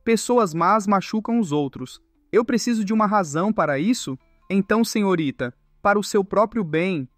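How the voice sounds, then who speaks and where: A man doing a calm, self-assured young hero. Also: high-pitched, normal speed, no room sound, soft background music. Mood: cold.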